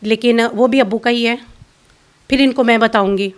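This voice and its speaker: A woman's voice: a little high, steady tone. A middle-aged woman from Pakistan, a guest in an interview, speaking in a bitter, accusing and insistent way. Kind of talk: emotional complaint in an interview.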